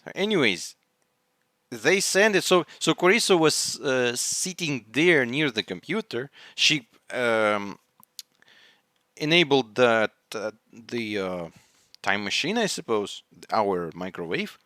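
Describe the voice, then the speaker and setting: Animated, bright-voiced man, rambling reaction. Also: mid-range voice, slow, no room sound, studio quality. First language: not English. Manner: rambling, searches for words, many restarts. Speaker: anime reaction channel host. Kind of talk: casual reaction commentary.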